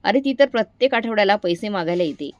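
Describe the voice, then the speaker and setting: A woman's voice: mid-range voice, animated, fast, no room sound, close to an everyday voice. Woman playing a scornful young daughter-in-law, sneering, dry close recording, storybook. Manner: sneering, raised voice.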